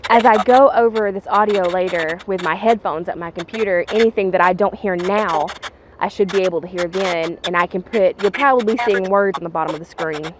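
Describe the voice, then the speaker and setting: A woman's voice: mid-range voice, a little fast. A woman hosting a casual ghost-hunting vlog outdoors, chatting informally to viewers and calling out questions to spirits. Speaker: ghost-hunting vlogger and host. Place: outdoors at a bridge. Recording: clear background noise, clicks.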